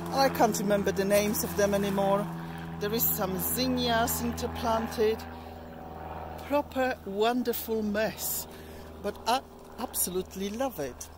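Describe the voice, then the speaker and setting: A woman's voice: medium pitch, background noise. A middle-aged woman giving a casual walking tour of her allotment garden outdoors, chatting in a meandering way with plenty of ums and restarts.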